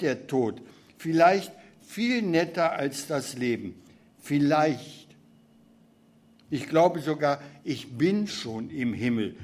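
A man voicing a dreamy dying young soldier in a dramatic reading, slow and wondering. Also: on the high side.

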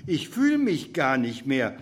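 A man voicing a dreamy dying young soldier in a dramatic reading, slow and wondering. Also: mid-range voice, wildly swooping pitch.

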